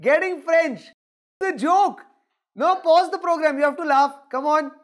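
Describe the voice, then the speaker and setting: A man's voice: very high voice, normal speed. A man with an Indian accent, a guest in a comedy spoof interview, rambling with many fillers and cracking jokes. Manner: rambling, joking, lots of "you know" and "uh".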